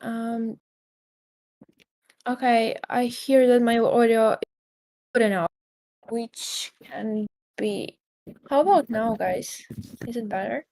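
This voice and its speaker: A woman hosting a live-stream interview, speaking haltingly while she checks her connection, with her audio cutting in and out so the volume rises and drops. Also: fairly high pitch, fairly even intonation, darkish tone. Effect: uneven volume, audio cutting in and out.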